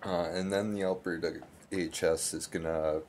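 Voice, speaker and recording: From a small bedroom, a political vlogger in his thirties talks to camera, offering casual, critical commentary loosely and with lots of fillers. His voice is low and darkish, his intonation fairly even, and his speed normal. A slight background noise can be heard.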